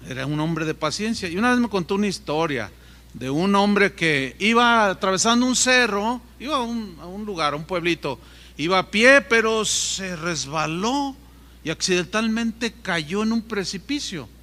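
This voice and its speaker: A middle-aged male pastor preaches in a high, bright voice, spinning a story with lively asides. His words ring through a hall with long reverb. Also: normal speed. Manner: animated storytelling, asides to the congregation. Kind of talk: sermon.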